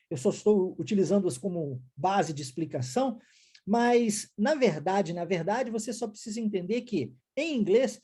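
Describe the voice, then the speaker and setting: Brazilian woman teaching English, mellow husky voice. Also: medium pitch. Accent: Brazilian Portuguese. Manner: explanatory, repeats example words, frequent "né?" and "tá?" checks. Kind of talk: recorded language lesson.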